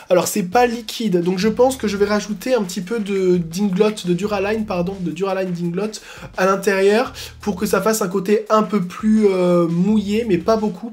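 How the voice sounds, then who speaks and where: Excitable slangy man chatting through makeup. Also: sits high. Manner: excitable, slangy, bursts into exclamations. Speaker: beauty YouTuber. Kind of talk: casual makeup tutorial chat.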